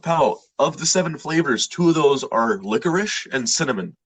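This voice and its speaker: Young dude on a podcast, kinda husky, gets all worked up fast. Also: male voice, a little high, animated, poor audio. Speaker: podcast co-host. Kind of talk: casual chat.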